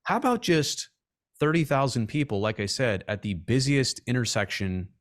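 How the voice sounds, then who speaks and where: A man's voice: medium pitch, big pitch swings, moderate pace. A man, a sports reporter guest on a podcast, making points animatedly with humorous comparisons in casual chat.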